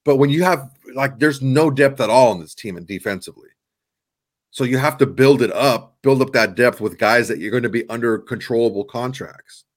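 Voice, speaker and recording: A man's voice: mid-range voice, normal speed. A man co-hosting a podcast, talking sports in a rambling, casual way with lots of restarts and the odd curse word. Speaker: podcast co-host.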